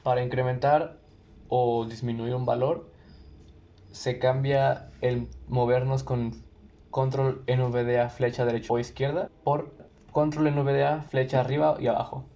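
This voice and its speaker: Man, tutorial presenter, calm step-by-step, gravelly voice, lo-fi recording. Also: medium pitch, unhurried. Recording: lo-fi with faint noise.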